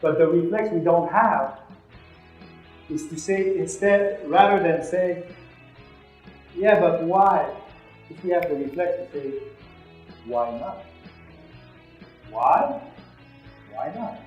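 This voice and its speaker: Speaking slowly with long pauses, this man has a slightly high voice, and soft music plays behind him. He's a French-Canadian-accented native French speaker giving a motivational keynote, bringing his stories to life by acting out dialogue for a live audience in a large room. The recording echoes heavily.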